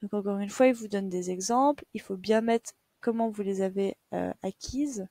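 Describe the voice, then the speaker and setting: Speaking at a moderate pace with a medium-pitched, dark-toned voice, a young woman whose first language is French leads a screen-share tutorial. She's a patient teacher who goes step by step, filling pauses often, and the recording has no echo.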